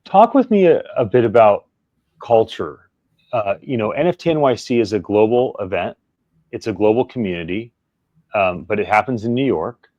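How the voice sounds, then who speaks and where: A male interview host with a lowish voice asks long, winding questions, circling back with "you know" and "uh." The sound is close and dry, with no room echo. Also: expressive, normal speed, darkish tone, highs cut off. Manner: rambling, searching questions with fillers. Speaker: podcast host.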